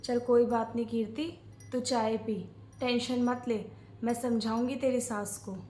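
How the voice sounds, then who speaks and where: A brisk, commanding middle-aged mother-in-law who scolds and gives orders, played by a woman. Her voice sits high. The family skit is recorded in an echoey room. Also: level tone, dark tone, slight background noise, natural voice.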